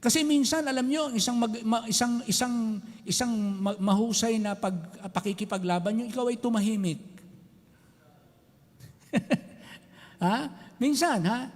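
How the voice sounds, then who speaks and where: A pastor in his later years, preaching a sermon in a lively, animated way, switching between languages. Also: very high-pitched, measured pace, pauses often. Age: older. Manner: animated preaching, mixing Tagalog and English. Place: church sanctuary. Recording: long church hall reverb.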